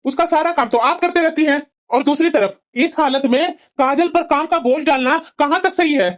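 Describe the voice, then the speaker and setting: An earnest young son from a cartoon family drama, voiced by a woman. He speaks in a rather high voice, pleading and reasoning firmly with his mother. The audio is somewhat dull and lo-fi. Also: moderate pace, close to an everyday voice. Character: earnest young married son defending his sister-in-law.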